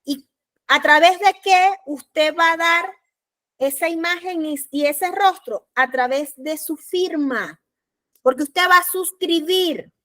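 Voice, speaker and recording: In a recorded class, a female law lecturer with a Panamanian Spanish accent speaks in a high, bright voice. She talks slowly and deliberately, circling back to repeat each key point.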